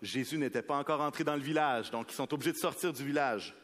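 A man with a Québécois French accent preaches before a congregation. He reads scripture slowly, then comments with growing intensity and jokes with the people in front of him. His mid-pitched voice rings out with the long reverb of a large hall. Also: fairly bright tone. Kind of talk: sermon with scripture reading.

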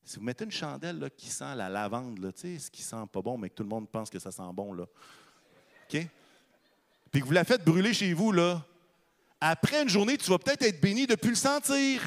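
A man's voice: on the high side, a little fast, in a large hall. A man with a Québécois accent preaching a conversational sermon into a microphone, reading scripture and asking the audience questions. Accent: Québécois French. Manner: animated, asks the audience questions.

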